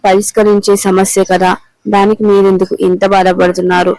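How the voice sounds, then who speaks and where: A man reading the lines of a kind young daughter-in-law gently reassuring her father-in-law, in a clear voice. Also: sits high, flat delivery, moderate pace, no room sound, close to an everyday voice, low-quality recording. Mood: consoling.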